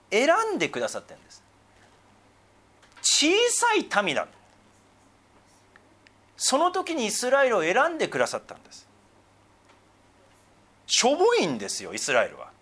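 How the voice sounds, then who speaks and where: A middle-aged man, a pastor preaching a sermon, who swings between emphatic raised passages and soft, murmured asides. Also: very high voice.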